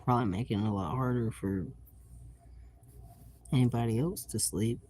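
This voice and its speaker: A man's voice: mid-range voice, normal speed, dark tone, husky. A man livestreaming late at night from his bed on his phone, talking in a sleepy, laid-back way and swearing a lot. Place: bedroom, lying in bed at night.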